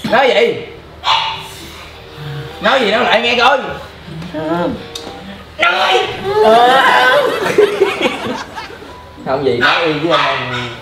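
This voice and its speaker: A young man in loud, teasing, laugh-filled banter with friends. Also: on the high side, big pitch swings, normal speed, pauses often, loud music behind the voice. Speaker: vlog regular. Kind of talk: casual comedic banter among friends. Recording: echoey room with loud background noise.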